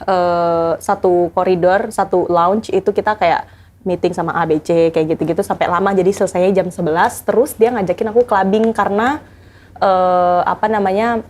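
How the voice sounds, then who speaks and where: A woman's voice: on the low side, steady tone, normal speed, darkish tone. Chatty woman telling her story. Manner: chatty, many fillers, mixes in English. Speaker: former personal assistant. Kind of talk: casual interview storytelling.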